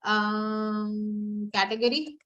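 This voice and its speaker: A woman's voice: mid-range voice, steady tone, very slow, fairly bright tone, dull audio. A woman teaching SQL in a screen-recorded lesson, mixing Hindi and English and quizzing her students as she types queries. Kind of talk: live coding lesson.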